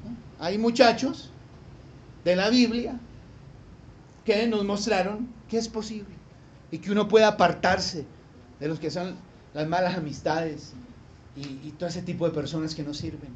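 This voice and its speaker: High-voiced pastor preaching. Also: male voice, measured pace, long pauses. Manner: animated preaching with acted-out voices and rhetorical questions. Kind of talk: sermon. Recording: slightly dull lo-fi sound with faint noise.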